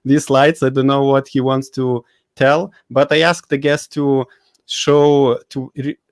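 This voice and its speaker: A man's voice: medium pitch, level tone, measured pace, no echo. A Lithuanian man hosts a live online session in a casual, joking way. He hesitates often, fills gaps with "uh" and laughs at himself. His voice sits in a middle range and sounds dry and close to the mic. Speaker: host. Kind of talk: casual live webinar chat.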